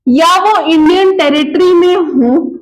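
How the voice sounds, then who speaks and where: A woman's voice: very high-pitched, takes it slowly, roomy sound, low-quality recording. A woman teaching a law class, mixing Hindi and English, asking questions and answering them herself, repeating key terms. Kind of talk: lecture.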